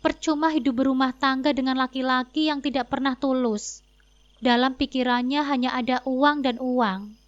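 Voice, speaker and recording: Woman, storyteller, first-person dramatic narration, scornful, confronting, high voice. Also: steady tone, moderate pace, highs cut off.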